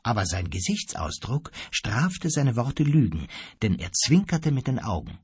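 A man narrating an adventure audiobook in a dramatic, lively storytelling manner. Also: mid-range voice, measured pace, breathy edge, no room sound. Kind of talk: scripted narration.

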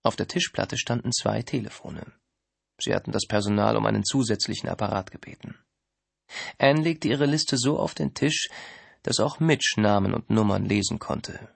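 A man narrating a novel in an even, measured storytelling voice. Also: fairly low pitch, gravelly, dry recording. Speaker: audiobook narrator. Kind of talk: scripted narration.

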